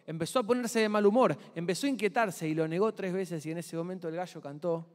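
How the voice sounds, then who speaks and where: A man's voice: high-pitched, fast talker. A man with an Argentine accent preaching a sermon and dramatizing the scene he describes in a church hall. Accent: Argentine Spanish.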